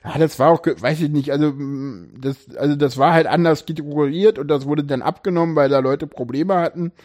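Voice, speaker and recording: A man's voice: a little high, brisk, darkish tone. A man hosting a casual group podcast chat, telling stories with many restarts and fillers. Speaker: podcast host.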